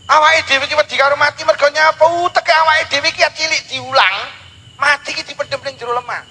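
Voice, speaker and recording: High, bright-voiced preacher. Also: male voice, a little hiss or hum, rough recording. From Blitar, East Java, Indonesia. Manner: animated, dramatic storytelling with sudden slow, drawn-out lines. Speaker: Islamic preacher. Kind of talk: humorous Javanese sermon.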